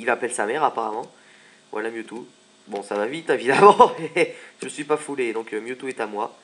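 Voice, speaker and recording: A man's voice: medium pitch, fairly bright tone. A man giving casual gameplay commentary, chatty and joking as he plays. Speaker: let's play commentator.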